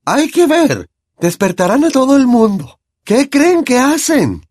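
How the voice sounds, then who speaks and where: A man's voice: extremely high pitch, very animated, measured pace, darkish tone, no room sound, pitched above the performer's own voice, heavily acted. A man voicing a stern, fussy older woman nurse who scolds shrilly and indignantly in an audiobook.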